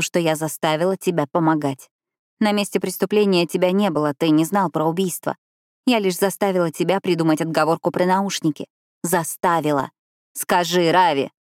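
A woman's voice: lowish voice, fairly even intonation, normal speed, darkish tone, no echo, clean studio sound, natural voice. A woman reading a determined young woman who keeps insisting firmly.

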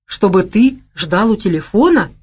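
A woman voicing a spirited, quick-tempered young woman who speaks briskly with lively questions. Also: medium pitch, lightly acted.

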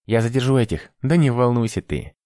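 A man voicing a fussy, nervous male craftsman in an audiobook, hurried and shrill when agitated. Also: expressive, a little mellow, no echo, studio quality. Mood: urgent. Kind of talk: audiobook character voice.

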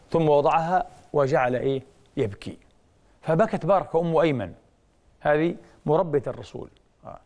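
Male preacher, quick delivery, slightly high voice, dramatic rises and whispers, rhetorical questions. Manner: emotive storytelling with sudden rises and hushed drops; rhetorical questions he answers himself. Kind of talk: religious lecture.

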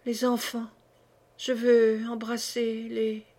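A frail, dying old mother speaking her last words , as a woman reader voices her. Her voice is hushed and weak yet grave, sitting fairly high with a flat, even melody. It comes from a read-aloud historical novel. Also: unhurried, lightly acted. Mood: fading. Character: dying elderly mother-in-law, faint and solemn.

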